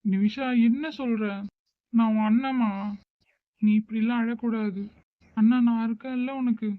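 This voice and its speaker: A man's voice: very high voice, little pitch movement, a little slow. A man playing a caring older brother who soothes and reassures his crying sister, in an amateur short drama. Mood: soothing. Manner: soothing, reassuring, gently coaxing. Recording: dry, tinny phone-like recording.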